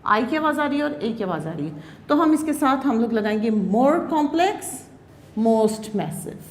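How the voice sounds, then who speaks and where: A woman with a Pakistani accent teaching a grammar lecture, slowly spelling out words and checking in with her class. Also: fairly high pitch, animated, darkish tone, roomy sound, slight background noise. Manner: explains slowly, spells out words letter by letter, often asks "theek hai". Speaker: English teacher.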